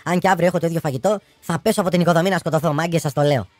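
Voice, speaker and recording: A man voicing a fed-up German builder with a gruff, complaining manner. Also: a little high, dry recording, faint music behind, lightly acted.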